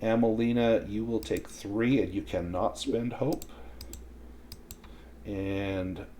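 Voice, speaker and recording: A man running a tabletop role-playing game, narrating and explaining rules in a measured way. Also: fairly low pitch, steady tone, dark tone, slight background noise. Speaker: game master.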